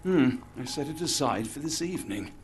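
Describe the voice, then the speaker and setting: A man's voice: on the high side, expressive, normal speed, a little hiss or hum, close to an everyday voice. A man playing a polite, dryly exasperated British army doctor in a video game cutscene. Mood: taken aback. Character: exasperated, well-mannered male army doctor, dry-humoured companion.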